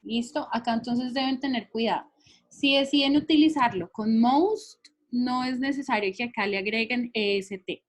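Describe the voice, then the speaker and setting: A woman's voice: fairly high pitch, moderate pace. A woman teacher explaining English grammar rules patiently, often checking that her students follow along. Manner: patient, checks understanding with frequent questions. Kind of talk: recorded grammar lesson explaining in Spanish.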